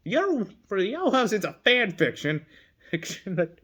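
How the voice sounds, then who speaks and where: Giggly rambling fandom vlogger, lively pitch. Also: moderate pace, husky. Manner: rambling, giggly, lots of self-corrections and asides. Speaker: fandom video creator. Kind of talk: casual rambling commentary.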